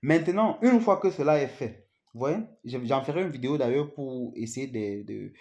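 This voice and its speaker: Unscripted and earnest, a man gives a motivational talk in a mellow, expressive, medium-pitched voice at normal speed. He keeps checking in with "vous voyez?" ("you see?") and tends to stammer and begin his sentences again.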